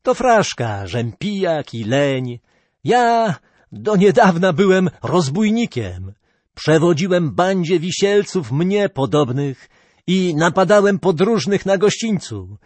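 A man doing a ragged, limping old fiddler, once a feared robber, now baring his sins in a plain, earnest voice, a little higher than the storyteller's own. Slow and lively in pitch, recorded dry and close. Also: no room sound, heavily acted. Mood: confessing. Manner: plain-spoken, earnest confession. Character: ragged lame man, former robber turned fiddler, repentant.

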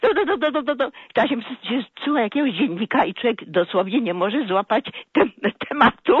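A woman's voice: on the high side, expressive, normal speed, slightly rough, dry recording. An older woman from Poland calling in to a radio talk show, complaining in an indignant, rambling way. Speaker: caller. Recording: muffled phone line, dry.

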